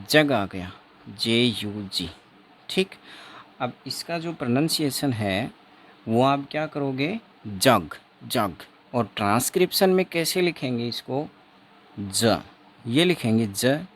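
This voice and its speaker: A male teacher taking a very unhurried pace through an exam-prep phonetics lesson. He says each example word again and again and keeps putting questions to his viewers. A faint hum sits behind his voice. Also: mid-range voice. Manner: slow, repeats words over and over, quizzes the viewer.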